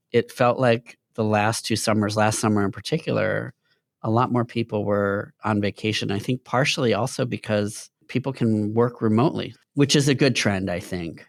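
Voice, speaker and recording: A man's voice: lowish voice, no room sound, studio quality. A man hosting a conversational interview, friendly and affirming as he asks questions. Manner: friendly, laughs easily, affirming.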